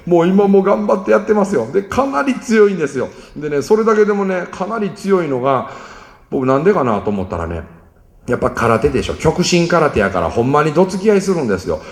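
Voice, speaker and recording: A man's voice: fairly high pitch, fast talker. A man with a Kansai accent telling a story about raising his children, acting out the lines of his family. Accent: Kansai Japanese. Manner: animated, acts out family dialogue. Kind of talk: storytelling talk. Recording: echoey hall with long reverb.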